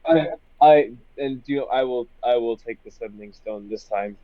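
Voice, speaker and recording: A man playing a tabletop game over group voice chat on his phone, roleplaying a stiff, formal military officer with halting restarts. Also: medium pitch, no room sound. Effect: heard through group voice chat on a phone. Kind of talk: in-character roleplay and casual chat. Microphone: phone microphone. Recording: dull lo-fi voice chat audio, dry.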